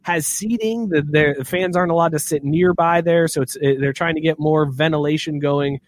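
A man's voice: fairly high pitch, steady tone, normal speed, dry recording. A man hosting a casual sports podcast, joking and laughing often as he leads the topics. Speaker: podcast host.

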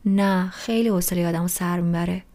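A woman's voice: lowish voice, fairly even intonation, dark tone, natural voice. A woman voicing an impatient teenage girl who answers in short, dismissive lines in an audiobook. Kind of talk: audiobook reading.

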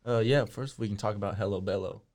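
A man's voice: on the low side, quick pace, a little mellow. A man from Waco, Texas, a guest on a casual interview podcast, speaking plainly and matter-of-factly. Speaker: guest, painter.

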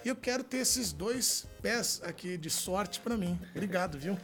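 A Brazilian man in his forties hosting a talk show with loud, showy announcing and effusive, exclamatory chat. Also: high voice, lively intonation, a little slow, soft background music. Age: 40s.

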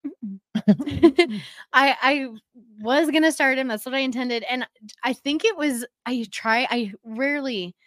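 Playful woman, bright-ish voice, dry mic. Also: sits high, slow, no echo. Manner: playful, teasing, laughs often. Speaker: podcast co-host. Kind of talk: casual fantasy football chat.

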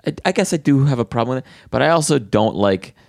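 A man's voice: mid-range voice, lively intonation, fast, gravelly, darkish tone, no echo, studio quality. A man co-hosting a comedy podcast, talking in a candid, rambling way. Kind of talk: casual chat.

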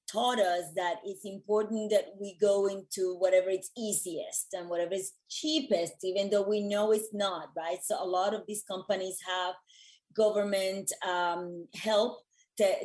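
Earnest and expressive, this woman from Puerto Rico chats conversationally as an interview guest, drawing on her work as a wellness educator. She has a mid-range voice, captured on a rough recording.

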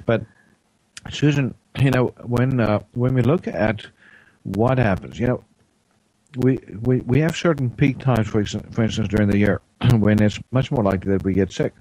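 A man hosting a radio health show, talking in a loose, rambling way with lots of fillers and frequent throat clearing. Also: medium pitch, moderate pace, mellow, dry recording, low-quality recording. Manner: rambling, many fillers and restarts. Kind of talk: casual health talk on air. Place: radio studio.

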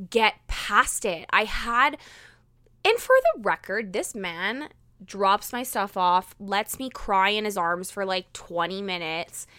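A young woman hosts her own podcast alone, talking candidly in a chatty stream full of "like" fillers and quick bursts. Her voice is bright and crisp, and it is recorded dry on a close microphone. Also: medium pitch, dry recording. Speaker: podcast host. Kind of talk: candid solo podcast monologue.

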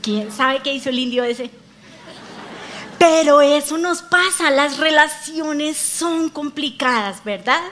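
A woman's voice: high voice, slow pace, fairly bright tone. A woman pastor preaching a sermon, telling stories animatedly and talking straight to her congregation. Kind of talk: lively sermon with acted-out dialogue. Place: church.

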